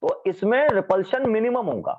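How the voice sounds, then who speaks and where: A male chemistry teacher lectures in a classroom with a voice that swings up and down and sits slightly high. He keeps asking his students questions as he explains. The recording is thin and phone-like. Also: normal speed. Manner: lively, questions students often.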